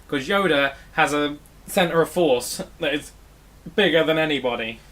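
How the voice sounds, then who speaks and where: Bright-voiced young man. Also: fairly high pitch, moderate pace. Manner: earnest, defending his point, laughing often. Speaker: podcast co-host. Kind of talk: casual banter debate.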